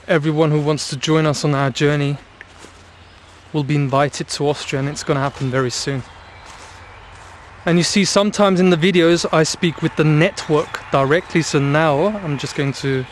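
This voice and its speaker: A man hosting a spiritual vlog, speaking in slow, emphatic, commanding declarations, recorded outdoors in the countryside. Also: on the high side, fairly even intonation, slight background noise. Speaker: channel host.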